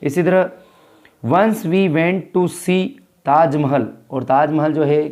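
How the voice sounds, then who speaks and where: A man from India teaching an English workbook lesson, reading sentences slowly and explaining them in Hindi. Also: on the high side, darkish tone.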